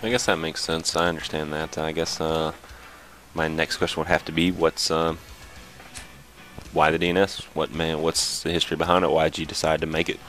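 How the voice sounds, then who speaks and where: A man's voice: very deep voice, level tone, normal speed, fairly bright tone, faint music behind. A man hosting a casual interview, talking in a loose, filler-heavy way. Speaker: host.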